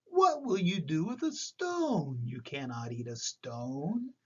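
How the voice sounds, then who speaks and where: Grandpa voice doing a husky, exclaiming little old lady. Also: a little high, very animated, takes it slowly, fairly bright tone, exaggerated voice. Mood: grudging, puzzled. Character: little old lady, stingy, curious, easily amazed. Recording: slightly dull, lo-fi recording.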